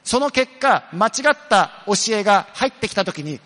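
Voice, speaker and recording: A man's voice: high-pitched, lively intonation, sharp tone, big-room sound. A man preaching a sermon as pastor, earnest, asking the congregation questions and answering them himself. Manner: earnest, questions the listeners then answers, slows down for emphasis.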